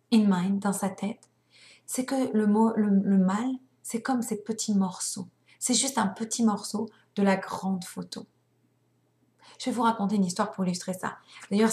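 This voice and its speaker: A young adult woman teaching a spiritual lesson, telling stories in an animated way and acting out the voices. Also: mid-range voice, slight background noise. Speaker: religious teacher. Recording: roomy echo.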